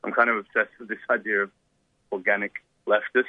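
A man's voice: on the low side, flat delivery, brisk, no echo. A man being interviewed as a guest cartoonist, talking in a laid-back, rambling way full of "like" and "um". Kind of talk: casual interview. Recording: tinny phone line.

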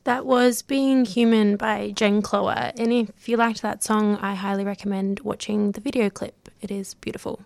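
A woman's voice: medium pitch, steady tone, normal speed, gravelly, hardly any pauses, darkish tone, no echo. A woman radio presenter back-announcing a song and introducing a recorded talk.

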